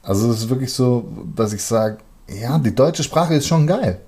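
His voice sits at medium pitch, warm and slightly rough, expressive and at normal speed. As a rapper and musician whose first language is German, he makes casual, colloquial conversation and frequently pauses to search for words.

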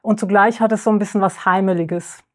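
A woman's voice: mid-range voice, fairly even intonation, fairly quick. A young woman, a guest in a panel discussion, who talks hesitantly and thinks aloud with many fillers.

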